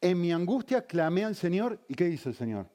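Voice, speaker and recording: A male pastor delivers a sermon in a lively, expressive voice that sits a little high. He keeps turning to the congregation with questions. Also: a little fast. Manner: engaging, asks the congregation many questions.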